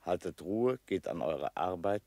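A man voicing a sober official who reads out a Nazi occupation decree in a formal, measured way. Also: sits low, expressive, a little mellow, no room sound. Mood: official, stern. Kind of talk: formal reading of proclamation.

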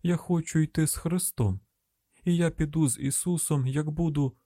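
A man's voice: fairly high pitch, moderate pace, dark tone, no echo, studio quality, pitched above the performer's own voice, close to an everyday voice. A man voicing a young female trainee who reads aloud carefully and with restraint. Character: young female FBI trainee, earnest and tense.

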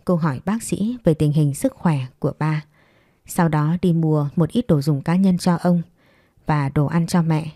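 A woman narrating a romance story aloud in a calm, even storytelling manner. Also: deep voice, unhurried, dry recording, studio quality. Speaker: audiobook narrator. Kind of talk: scripted narration.

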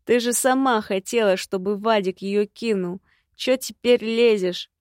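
A woman's voice: medium pitch, unhurried, a little mellow, no room sound, clean studio sound, natural voice. A woman reading a drunk brutal young thug. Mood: drunk shouting. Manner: menacing, taunting. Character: drunk brutal young man, violent assailant.

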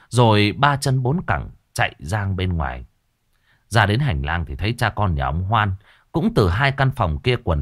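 A man telling a story in an earthy, colloquial, animated way. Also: fairly low pitch. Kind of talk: storytelling narration.

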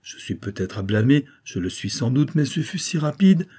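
A man voicing a gentle, elegant middle-aged noblewoman who pleads and reproaches in an audiobook. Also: mid-range voice, very animated, normal speed, slightly rough, pitched above the performer's own voice. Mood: pleading. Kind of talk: audiobook character voice.

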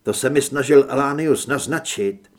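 A man reading an audiobook, voicing a sharp, practical young woman who edits a newspaper. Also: medium pitch, natural voice. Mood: gentle.

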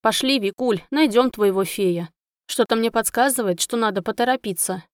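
A woman's voice: fairly high pitch, moderate pace, clear, resonant tone, no echo, studio quality, close to an everyday voice. A woman voicing a brash, sardonic young friend who teases and pushes in an audiobook. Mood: wry. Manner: wry, teasing, pushy.

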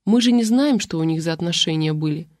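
A calm, even-handed older man, as a woman reader puts him on, reasoning gently. She barely alters her own voice, heard dry and close. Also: lowish voice, a little fast, no echo, close to an everyday voice.

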